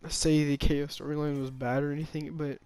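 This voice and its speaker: A man's voice: a little high, little pitch movement, fairly quick, darkish tone, smooth. A man giving a casual, rambling opinion monologue about a game, often hesitating, restarting and sighing.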